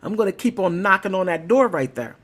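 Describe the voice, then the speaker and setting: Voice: medium pitch, animated, fairly quick, a bit bright. A livestream host giving rambling, emphatic political commentary in a casual way, sometimes laughing mid-sentence.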